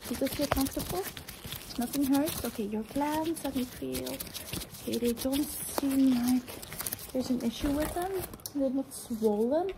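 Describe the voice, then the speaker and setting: A young woman doing a fast ASMR role-play as an examining doctor, murmuring short, repeated phrases in a hurried way. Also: sits high. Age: young adult. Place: indoors, small room at home. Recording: clearly noisy close recording with clicks.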